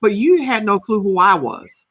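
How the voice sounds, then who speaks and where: The sound is lo-fi, carrying a mid-range, slightly rough female voice at a moderate pace. She's a counselor and coach in her fifties, storytelling animatedly in a podcast interview and often adding a rhetorical "right?".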